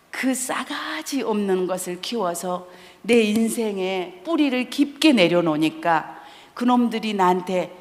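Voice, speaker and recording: A middle-aged woman preaching as a guest speaker, her fairly high voice carrying through a church hall with a long echo. She talks bluntly and with comic timing and acts out the people in her stories. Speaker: guest speaker, counseling professor. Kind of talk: sermon with anecdotes. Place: church sanctuary.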